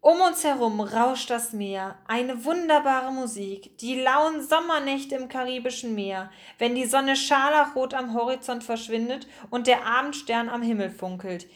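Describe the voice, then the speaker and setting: A woman's voice: high-pitched, unhurried, few pauses. A woman voicing a small lab animal of unclear sex, a dreamy fan who talks wistfully and recites theatrically.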